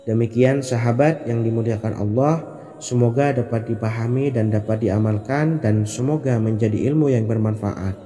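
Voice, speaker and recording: A man giving scripted religious narration, in a measured way and reciting Arabic phrases. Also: mid-range voice, mellow. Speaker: Islamic devotional narrator. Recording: long hall reverb, faint music.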